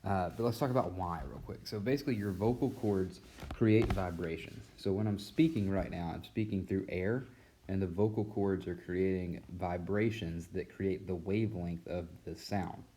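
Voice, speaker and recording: A man with a deep, dark, mellow voice talks through a casual recorded mini-lesson. He teaches physics and rambles easily, filling pauses with "uh" and "like." It sounds like it was recorded on a tablet's built-in mic. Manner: relaxed, rambling, many fillers.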